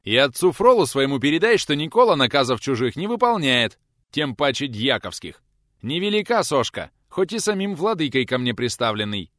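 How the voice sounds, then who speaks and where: A man voicing a gruff, sarcastic older male teacher who scolds bluntly. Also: lowish voice, very animated, brisk, a bit bright, no room sound, clean studio sound. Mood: gruff scolding.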